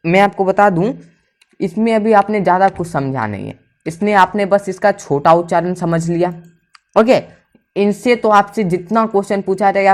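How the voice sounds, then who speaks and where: A man teaching a pronunciation lesson, spelling each word out letter by letter and repeating it several times, often checking whether his students understand. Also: high-pitched. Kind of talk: spoken English pronunciation lesson.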